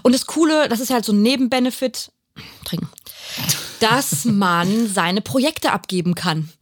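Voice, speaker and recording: A woman's voice: a little high, moderate pace, dry recording. Sarcastic German woman, dry close sound. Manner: sarcastic, slangy, ironic. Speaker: podcast co-host. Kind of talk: casual chat.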